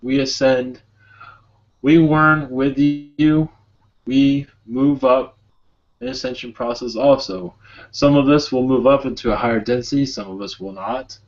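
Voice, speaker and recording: A man channeling a benevolent otherworldly Sirian being, speaking in a solemn, halting, prophetic trance-like manner. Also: medium pitch, close to an everyday voice. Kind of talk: channeling session, answering questions. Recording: dull lo-fi audio.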